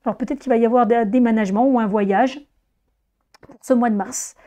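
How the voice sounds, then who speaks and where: A woman with a hoarse voice, weakened by laryngitis, gives an informal tarot reading, explaining things directly to her viewers. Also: fairly high pitch, fairly even intonation, a little fast, mellow. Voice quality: hoarse, strained voice. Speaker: tarot reader presenting a monthly horoscope reading.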